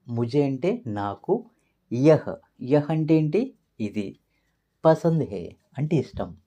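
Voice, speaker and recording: A man in a language-lesson recording, breaking each phrase into its words and repeating it patiently. His pitch sits in the middle but moves around a great deal, so he sounds lively rather than flat. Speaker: language teacher. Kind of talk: explaining phrases word by word.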